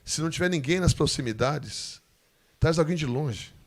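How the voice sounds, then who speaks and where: A Brazilian man with a Brazilian Portuguese accent telling a lively missionary testimony, laughing as he tells it and acting out the people in the story. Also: a little high, normal speed. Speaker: missionary guest speaker.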